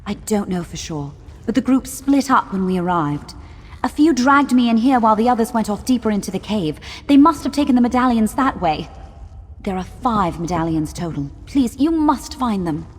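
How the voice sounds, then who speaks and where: A woman's voice: on the high side, lively intonation, normal speed, slightly rough. A woman voicing an earnest, formal, indignant kidnapped enchanter in a fantasy video game, speaking articulately and with urgency. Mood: earnest, urgent. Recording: long cave-like reverb, slightly muddy.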